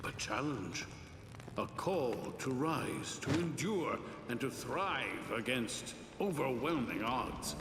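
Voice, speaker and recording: An actor playing a grave, measured narrator of an ancient fantasy saga in a video game. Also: male voice, medium pitch, lively intonation. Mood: solemn, grand. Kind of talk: dramatic scripted game narration. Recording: long echoing hall reverb, music behind.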